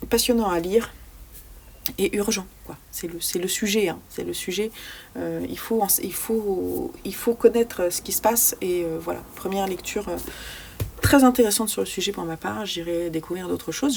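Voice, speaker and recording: A book vlogger with a gravelly, darkish voice of medium pitch talks casually about the books she has read. Slight background noise is audible, and she frequently searches for words, using fillers and restarts.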